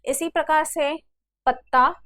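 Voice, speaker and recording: A woman with a high voice teaches a grammar class over slides. She explains patiently and repeats each example slowly, calling her students "beta". The recording is dry and close, with no room sound. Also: steady tone, bright, forceful tone, dry recording.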